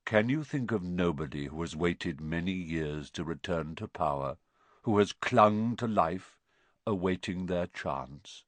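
A man voicing a grave, wise centaur in an audiobook, speaking in a measured, solemn and cryptic way. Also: sits low, expressive, no echo, pitched below the performer's own voice. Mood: grave, probing. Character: grave, wise male centaur, calm and foreboding. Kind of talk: audiobook character dialogue.

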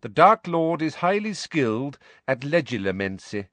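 A man voicing a cold, sneering middle-aged male professor who speaks slowly and with contempt. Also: a little high, sing-song, a bit bright, no room sound, voice pushed up. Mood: contemptuous. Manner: slow, contemptuous, clipped.

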